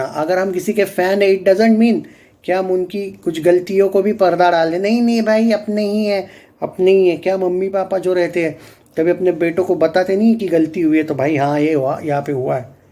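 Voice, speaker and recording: A man's voice: high-pitched, moderate pace, dark tone. A young man giving blunt, argumentative opinions to his viewers in a casual vlog. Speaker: YouTube reviewer.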